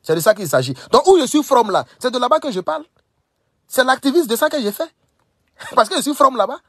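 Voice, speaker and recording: A man's voice: extremely high pitch, very animated, a little fast, a bit bright, breathy edge, no room sound, studio quality. A young man from Burkina Faso, talking straight to camera, emphatic, repeating phrases and scolding his listeners. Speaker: political commentator. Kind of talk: casual direct-to-camera monologue.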